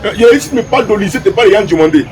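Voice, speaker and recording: A man's voice: sits high, animated, very fast, a crowd in the background, low-quality recording. A man giving rambling football commentary, losing words and going off on asides. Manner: rambling, loses words, digressive. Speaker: football pundit. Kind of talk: casual debate commentary. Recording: music bed behind voice.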